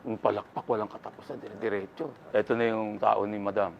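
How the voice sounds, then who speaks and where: A man's voice: lowish voice, level tone, fairly quick, creaky, dull audio, slight background noise. An older man from the Philippines, a guest in an interview, telling his story casually and acting out the voices of the people in it.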